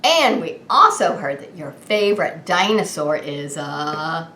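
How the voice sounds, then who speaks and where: A children's show host delivers a birthday greeting in a low-pitched woman's voice with big pitch swings, a measured pace, and a pushed, bright tone. Her sing-song party enthusiasm is exaggerated, and she asks questions and answers them as if the child had replied. The room is echoey, with faint background noise.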